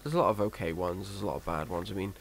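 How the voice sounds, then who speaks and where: A man with a low voice talks at a racing pace, rambling hesitantly and poking fun at himself through casual gameplay commentary. He's a Minecraft let's player who calls his own voice monotone, and the home recording is noisy.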